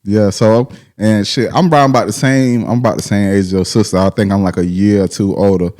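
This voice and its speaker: A man's voice: lowish voice, steady tone, brisk, darkish tone. A man with a Southern US accent hosting a casual interview in slangy street talk, repeating phrases and often saying man and bro. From Glenville, Georgia, United States. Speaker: host interviewer of a hip-hop show.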